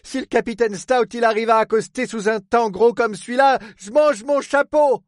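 A man's voice: very high voice, moderate pace, no room sound, clean studio sound, pitched above the performer's own voice. Man voicing a fretful, swearing harbor master. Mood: alarmed, shouting. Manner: blunt rustic talk, full of oaths. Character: gruff, fretful middle-aged male harbor superintendent. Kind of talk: audiobook character voice.

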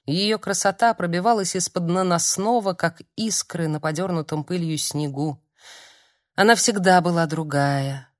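A woman narrating an audiobook in a calm, measured reading. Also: fairly low pitch, dry recording, studio quality. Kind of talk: scripted narration.

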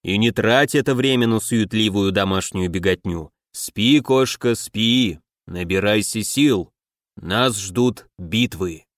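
A man voicing a calm, commanding half-orc king and captain in an audiobook. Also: fairly low pitch, slow pace, dry recording, clean studio sound, pitched below the performer's own voice. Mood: grave.

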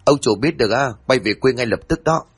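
A man voicing a scolding but soft-hearted older household woman in a spoken ghost story, grumbling her lines. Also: medium pitch, animated, a little fast, slightly rough.

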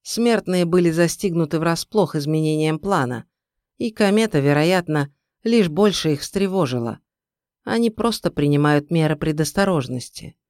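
A woman voicing a calm, grim young male king in an audiobook, speaking in a measured, reassuring way. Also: low voice, dry recording, studio quality. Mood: calm, grave. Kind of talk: audiobook character reading.

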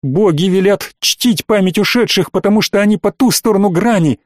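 A man's voice: high voice, a little fast, no echo, clean studio sound, voice pushed up. A man voicing an agitated boy cadet who pleads hotly for his friend, in an audiobook. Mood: pleading. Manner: heated, pleading.

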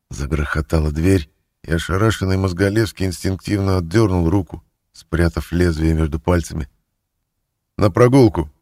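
Deep, dark-voiced male narrator. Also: no echo, studio quality. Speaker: audiobook narrator. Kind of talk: scripted narration of a novel.

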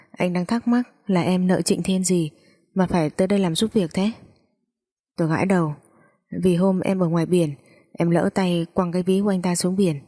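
A woman reads a first-person story aloud at an even, steady pace. Her voice sits low and sounds mellow and soft-edged. She voices every character herself. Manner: plain steady reading, voicing all the characters.

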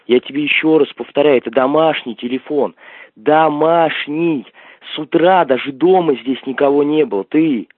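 A man's voice: a little high, moderate pace, no room sound. A man heard over a landline phone, answering bluntly and insisting on the same point again and again. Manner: blunt, insistent, keeps repeating himself. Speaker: call recipient. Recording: tinny, dry phone line.

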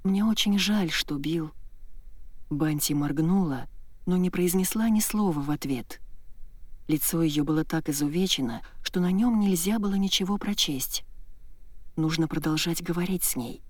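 A woman reading a first-person story aloud as an audiobook narrator, measured and steady. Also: deep voice, dry recording.

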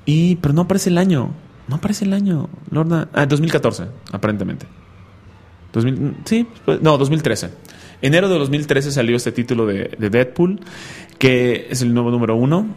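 Joking radio host, chatty. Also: male voice, medium pitch, animated, moderate pace, a little mellow. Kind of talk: casual radio chat.

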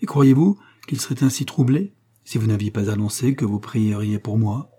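An unctuous young preacher from a storybook reading, fervent and soft-spoken. A man reads him in a low, mellow, husky voice. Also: normal speed. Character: smooth-talking young male preacher in prison. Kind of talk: audiobook character reading.

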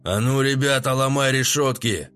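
A man doing a booming gruff mercenary. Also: moderate pace, fairly bright tone, faint music behind, lightly acted. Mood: commanding.

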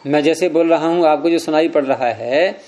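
Speaking at a normal speed in a fairly high, darkish voice, a man teaches Sanskrit philosophy in a classroom, explaining sutras. He recites them, repeats key words, and questions his students as he goes.

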